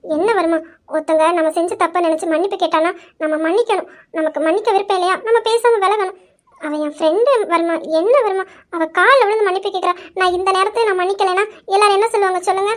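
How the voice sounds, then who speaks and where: A sweet-talking young wife, voiced by a woman, pleading and teasing her husband. Her voice is very high and light. Amateur family drama. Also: steady tone, fast talker.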